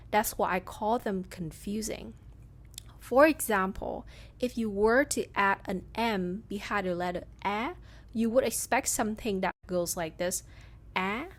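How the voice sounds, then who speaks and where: A woman with a Southern Vietnamese accent teaching pronunciation in a scripted lesson, reading sounds out slowly one by one. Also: mid-range voice. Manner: slow, careful, reads sounds out one by one. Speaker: language teacher.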